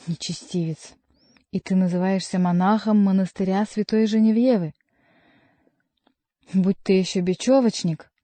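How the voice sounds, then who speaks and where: A woman's voice: mid-range voice, steady tone, normal speed, pauses often, warm tone, no echo, close to an everyday voice. A woman voicing a stern male jester who scolds a monk, reading a storybook aloud. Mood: scolding.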